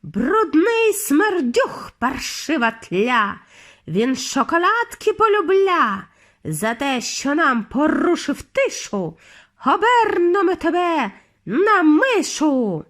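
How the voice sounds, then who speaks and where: A woman doing a shrill scheming witch queen. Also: sing-song, heavily acted. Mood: shrill gloating. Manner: slow sugary coaxing, then shrieking chants. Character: scheming female witch leader, sugary then shrill.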